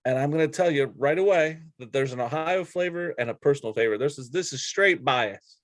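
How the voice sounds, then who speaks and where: Brisk and a little high-voiced, this man co-hosts a casual sports chat show, running down a list with blunt opinions. The recording is dry.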